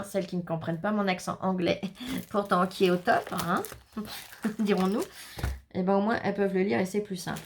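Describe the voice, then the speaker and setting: A woman's voice: mid-range voice, a little hiss or hum. A woman chatting casually and rambling through a crafts haul, with self-mocking asides. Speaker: crafts vlogger.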